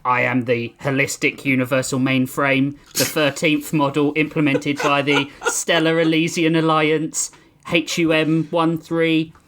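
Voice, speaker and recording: A man's voice: on the high side, completely flat delivery, a little slow, fairly bright tone, slight background noise. Man reads a cheerful ship computer, formal and precise, in a comic audio story, plain voice. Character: cheerful polite male spaceship AI computer. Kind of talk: comedic story reading.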